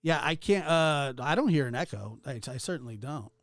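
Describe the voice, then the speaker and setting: A man hosting a live call-in show in an easygoing, halting way, often repeating his phrases as he chats. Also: a little high, lively intonation, fairly bright tone, no echo, clean studio sound. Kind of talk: casual live call-in chat.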